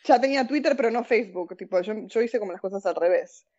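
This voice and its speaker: Speaking fast and animatedly in a mid-range, darkish voice, a woman with a Rioplatense Argentine Spanish accent chats as an interview guest, sharing personal anecdotes in informal, slangy language. Born in Argentina, she grew up in several countries; the recording sounds muffled.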